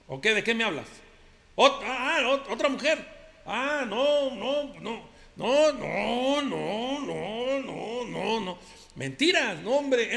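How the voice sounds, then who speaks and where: A man's voice: very high voice, vocal fry, bright, forceful tone, big-room sound, pitched above the performer's own voice, full character voice. A Mexican man playing a boastful, henpecked macho ranchero who rambles through defensive denials. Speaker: comedian.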